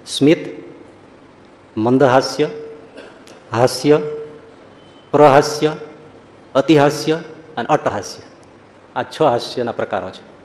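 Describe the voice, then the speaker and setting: A man giving a humorous religious talk, telling anecdotes in a lively storytelling way and acting out the people in them. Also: medium pitch, slow, long pauses. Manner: storytelling, animated, acts out quoted voices. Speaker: preacher. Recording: long hall reverb.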